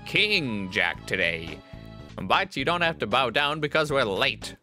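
A man's voice: mid-range voice, big pitch swings, a little slow, bright, forceful tone, soft background music, full character voice. A man voicing a haughty, insulting male toy lord in a game, sneering and theatrical with a goblin-like voice. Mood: pompous.

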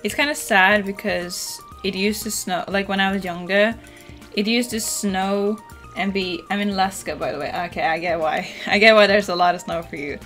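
At a moderate pace and in a mid-range voice, a chatty Norwegian woman talks casually while streaming a game indoors at home. Her manner is laid-back, full of "like" fillers and casual swearing, over soft game music.

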